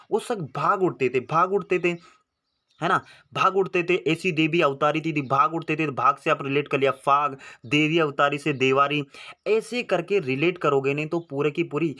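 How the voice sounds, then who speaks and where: A young male tutor with a bright, slightly high voice. He teaches in a chatty, coaxing way, repeats himself and keeps asking the listener rhetorical questions. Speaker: exam-prep tutor and channel host. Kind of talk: informal teaching to camera.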